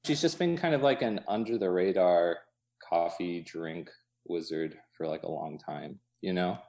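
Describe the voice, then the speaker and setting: A deep-voiced, slightly mellow man, the co-owner of a coffee shop, chats casually as an interview guest inside his own cafe. He talks in an informal, halting way, full of hedging asides, and chuckles as he speaks.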